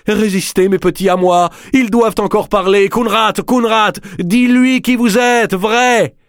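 Male reader doing a shrill, bossy female medium, loud and commanding. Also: steady tone, a little slow, no room sound, clean studio sound. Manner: shrill, imperious, shouting orders. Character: fierce commanding woman medium leading a seance.

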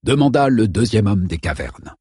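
A man reading a novel aloud as an audiobook narrator, in a steady, measured way. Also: on the low side, husky, no room sound, studio quality.

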